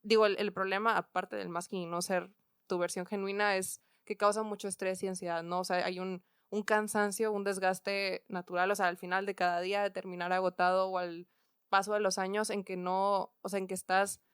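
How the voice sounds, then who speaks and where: A woman's voice: medium pitch, level tone, a little fast, clear, resonant tone, no room sound, studio quality. A woman with a Mexican accent, a coach and podcast guest, explaining ideas thoughtfully with frequent fillers. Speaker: guest, work and education coach. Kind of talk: conversational podcast interview.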